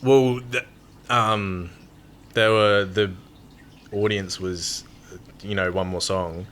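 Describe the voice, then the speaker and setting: Man, band guest, low pitch, bright forceful tone, casual rambling. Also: takes it slowly. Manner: relaxed, hesitant storytelling with fillers. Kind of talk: casual interview chat.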